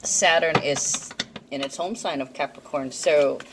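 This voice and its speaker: A woman's voice: low-pitched, measured pace, background noise. A woman giving a casual, rambling card and astrology reading, thinking aloud and correcting herself, her articulation slightly off from a dental problem. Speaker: tarot and astrology card reader.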